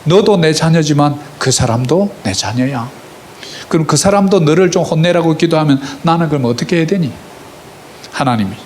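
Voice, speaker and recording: A man's voice: a little high, darkish tone, a little hiss or hum. A man preaching a sermon as a pastor, asking the congregation questions and acting out heartfelt prayers. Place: church sanctuary.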